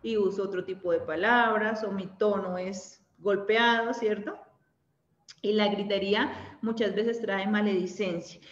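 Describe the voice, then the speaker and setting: A woman's voice: medium pitch, steady tone, unhurried. A woman with a Colombian accent leading a women's Bible study, speaking conversationally and often checking in with her listeners. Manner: conversational, ends points with tag questions. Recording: echoey room, dull lo-fi sound.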